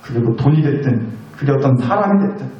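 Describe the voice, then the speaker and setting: A man's voice: mid-range voice, lively intonation, brisk, highs cut off. A male pastor giving a Sunday sermon in a conversational way, asking the congregation questions and acting out the people in his stories. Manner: conversational preaching with rhetorical questions. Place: church sanctuary. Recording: very echoey church hall, mic at a distance.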